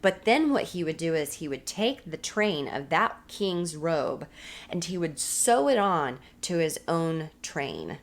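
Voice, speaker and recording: An American woman with a slightly low voice teaches a recorded women's Bible study. She speaks earnestly and repeats key phrases to drive each point home. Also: big pitch swings, slow pace.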